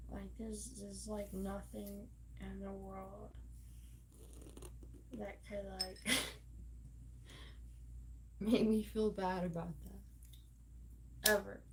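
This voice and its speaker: Slow, profane, rambling woman streamer. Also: mid-range voice, flat delivery, background noise. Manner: rambling, profane, emphatic, with many fillers. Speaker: livestream host. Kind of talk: rambling livestream monologue.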